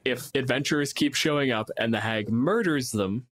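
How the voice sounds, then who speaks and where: A podcast co-host with a medium-pitched, slightly bright voice talks at a normal speed, recorded with no room sound. His chat about fantasy game monsters is casual and animated, full of slang and swearing, and he often acts out imagined quotes.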